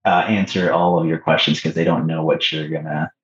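Very low-voiced canadian guy, echoey muffled mic, takes his time with lots of ums. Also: steady tone, brisk, fairly bright tone. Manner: hesitant, thoughtful, many ums. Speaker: podcast guest. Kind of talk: casual interview chat. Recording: echoey muffled remote audio.

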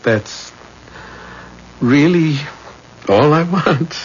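An actor playing a meek, earnest, bewildered shopkeeper and husband, speaking haltingly in a period drama. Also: male voice, a little high, expressive, husky, heavily acted. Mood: meek, wistful. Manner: hesitant, halting. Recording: dull, noisy old recording.

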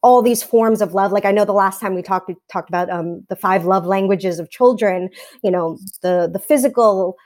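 A woman talks through her answers in a thoughtful way. She often restarts her sentences and fills the gaps with ums. Her voice sits at an ordinary, middle pitch. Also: normal speed, a little mellow. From New York, USA. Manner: reflective, many fillers and restarts. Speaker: teacher. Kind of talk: conversational interview.

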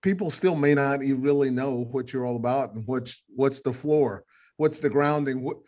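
A man hosts a casual interview podcast at a middle pitch, chatty and loose. He stumbles and restarts often while asking questions. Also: moderate pace, darkish tone. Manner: chatty, many fillers and restarts. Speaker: podcast host.

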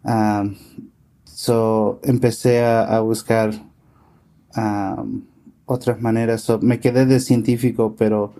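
Hesitant man with a mellow voice. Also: on the low side, little pitch movement, slow. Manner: hesitant, many fillers, mixes English words into Spanish. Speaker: interview guest, scientist and tech consultant. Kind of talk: casual interview conversation.

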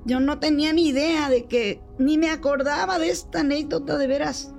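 Older lady telling a story, acts out the people in it, high voice with lots of fry. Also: moderate pace, soft background music. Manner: animated, acts out the people she quotes. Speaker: storyteller guest. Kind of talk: telling a true story in a chat.

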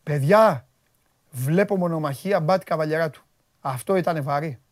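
A man hosting a sports talk show, chatting in an animated, joking way, his voice jumping high when he gets worked up. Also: no echo, clean studio sound. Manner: excitable, jokey, voice jumps high when worked up.

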